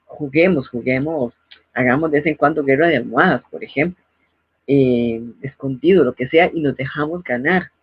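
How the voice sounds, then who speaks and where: A woman's voice: extremely low pitch, normal speed, slightly rough, no echo. A middle-aged woman hosting a parenting advice talk in a didactic way, now and then acting out scolding parents. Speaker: host. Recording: dull, lo-fi dry recording.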